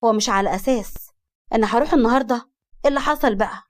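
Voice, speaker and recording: A woman's voice: a little high, rapid-fire, lightly acted. A woman voicing a brash, sarcastic young woman with an Egyptian accent. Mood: sassy. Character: sassy sharp-tongued young woman.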